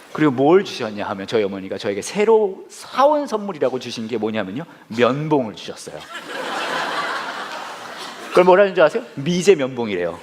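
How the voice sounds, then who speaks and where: A man's voice: fairly high pitch, a little hiss or hum. A middle-aged man preaching a humorous sermon in a church, self-mocking and acting out bits of dialogue. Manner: animated, self-mocking, acts out quoted dialogue. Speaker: pastor.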